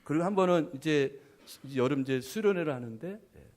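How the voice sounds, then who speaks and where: A middle-aged man, a pastor, giving a conversational sermon. He tells stories, keeps adding "yes", and swings between loud emphasis and soft, trailing phrases. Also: a little high, lively intonation, fairly quick. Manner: conversational storytelling with frequent "예" affirmations.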